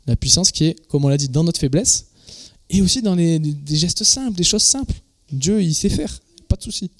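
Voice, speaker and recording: A man's voice: a little high, lively intonation, normal speed. A man, a pastor, preaching a sermon in a conversational, informal way, often repeating words as he searches for phrasing. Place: church.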